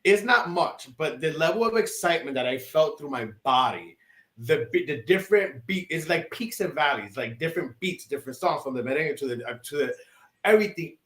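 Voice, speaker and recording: Excitable man chatting in an echoey room. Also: fairly high pitch, brisk. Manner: excitable, rambling with many restarts and fillers. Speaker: podcast co-host. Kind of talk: casual chat.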